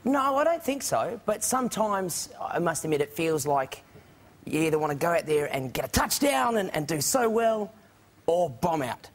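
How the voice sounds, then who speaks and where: A young man, a talk show guest, chatting and telling animated stories in a television studio. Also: on the high side, normal speed. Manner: animated storytelling with laughs. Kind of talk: casual chat.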